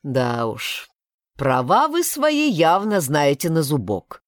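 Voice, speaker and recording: A woman voicing a gruff male sheriff who grumbles and speaks curtly. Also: deep voice, huge pitch swings, takes it slowly, no echo, clean studio sound, full character voice. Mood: grumbling. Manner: grumbling, curt.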